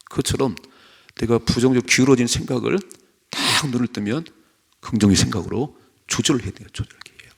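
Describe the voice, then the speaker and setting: A man's voice: medium pitch, quick pace, creaky, husky. A middle-aged man, a pastor, giving a conversational dawn sermon that rises to emphatic points. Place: church sanctuary.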